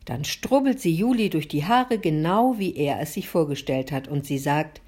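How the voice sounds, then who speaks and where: A woman reading a children's storybook aloud in a calm, gently expressive way. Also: deep voice, moderate pace. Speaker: narrator.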